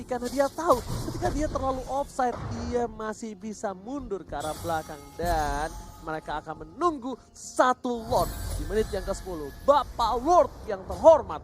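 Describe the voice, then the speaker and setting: A man with an Indonesian accent casting an esports match live with dramatic fighting game announcer calls. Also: high-pitched. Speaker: esports play-by-play caster. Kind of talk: live Mobile Legends match commentary. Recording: loud music behind voice. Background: music.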